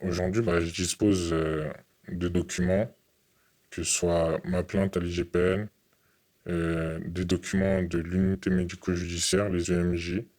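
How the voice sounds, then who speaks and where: A young man from France giving an earnest, halting interview testimony, often repeating his words. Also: low-pitched, flat delivery, a little mellow.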